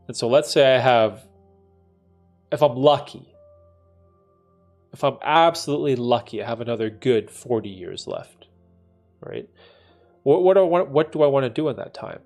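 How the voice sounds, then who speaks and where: This Canadian man in his late thirties hosts a relaxed livestream, answering chat in a reflective, meandering way and often ending sentences with "right?". His voice sits in the mid-range with a darkish tone.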